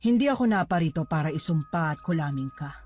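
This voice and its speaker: A woman's voice: sits low, animated, fast talker, darkish tone, soft background music. A woman voicing a cold, vengeful older mother who accuses and preaches in a dramatized horror story. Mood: solemn.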